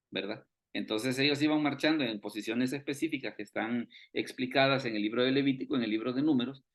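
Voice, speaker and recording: A man teaching an online Bible study over a video call, who keeps asking rhetorical questions and repeating his phrases. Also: medium pitch.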